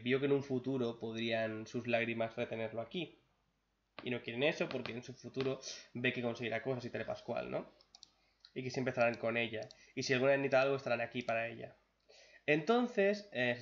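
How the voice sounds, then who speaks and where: Young male reaction youtuber, Spain Spanish accent, excitable and foul-mouthed, slightly dull lo-fi mic. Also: mid-range voice. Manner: excitable, swears freely. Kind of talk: casual reaction commentary.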